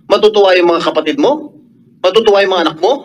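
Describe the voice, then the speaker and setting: Heated high-voiced man accusing a witness. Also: fast, poor audio. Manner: heated, accusing, repeats questions. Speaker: senator at a hearing. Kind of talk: angry questioning at a public hearing.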